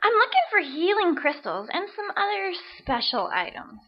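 Woman playing a very high-voiced, gushing hippie girl. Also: sing-song, normal speed, highs cut off. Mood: naive, excited. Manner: girlish, airy, gushing. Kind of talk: comic fantasy audio drama.

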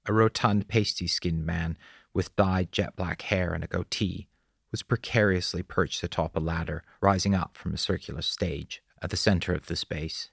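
A man narrating an audiobook in a measured, descriptive storytelling manner. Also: sits low, fairly even intonation, vocal fry, husky, dry recording, clean studio sound.

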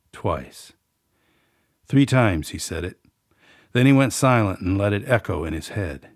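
A man's voice: low-pitched, dry recording, studio quality. A middle-aged man, an author and podcast host, reading from his own novel and then rambling in a folksy, self-deprecating way.

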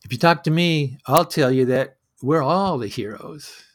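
Unhurried and pitched on the high side, the man behind a solo storytelling show talks through a personal monologue with a reflective, conversational, wry manner.

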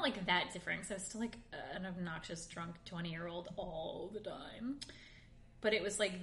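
A woman in her late twenties, co-hosting a podcast from a home room in Queens, spins a long, rambling, self-deprecating story packed with "like." Her mid-range voice is a bit bright, and the recording has a roomy echo.

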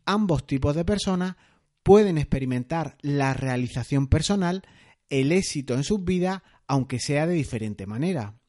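Man hosting a podcast, mellow voice. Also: a little high. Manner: explanatory, conversational, with occasional fillers. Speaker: podcast host. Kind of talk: solo productivity podcast.

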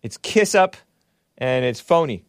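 A man hosting a live stream in a casual, rambling monologue, shifting between deliberate reading aloud and off-the-cuff replies. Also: mid-range voice, expressive, dry recording, studio quality.

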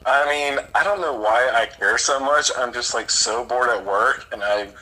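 A man calling in over a speakerphone, teasing the hosts in a dry, flat way during casual chat. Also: medium pitch, moderate pace, low-quality recording. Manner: dry, teasing critique delivered flatly. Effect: heard over a speakerphone. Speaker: caller to the podcast.

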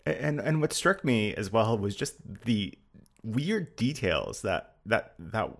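Low, gravelly male podcast host asking questions. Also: big pitch swings. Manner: hesitant, halting, apologetic. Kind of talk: interview questions.

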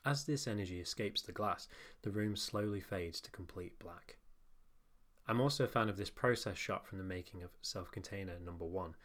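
A man's voice: low voice, fairly bright tone. A young man with a nasal voice reads his own newsletter aloud in a casual, wry tone, with swearing and self-mocking asides. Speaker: newsletter narrator and podcast host.

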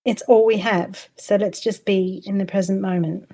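A woman's voice: mid-range voice, steady tone, moderate pace, dark tone. A middle-aged Australian woman talking candidly and expressively as a podcast guest, swearing freely. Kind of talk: podcast interview.

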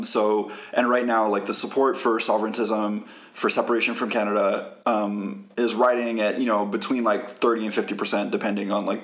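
This podcast co-host speaks with a fairly low, slightly bright voice. He lays out political background at length in a casual way, sprinkling in plenty of "like" and "um."

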